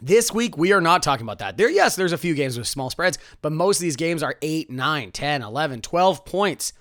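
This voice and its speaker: A man's voice: fairly high pitch, big pitch swings, a bit bright, dry recording, studio quality. A young man hosting a casual sports betting podcast, joking sarcastically about his own losses. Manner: sarcastic, self-mocking, quick jokey delivery. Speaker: podcast host.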